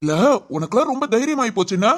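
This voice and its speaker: A man voicing a stern policeman husband who scolds his wife with quick, mock-stern retorts in an audio drama. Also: extremely high pitch, big pitch swings, fairly bright tone, heavily acted. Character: stern policeman husband, gruff but teasing.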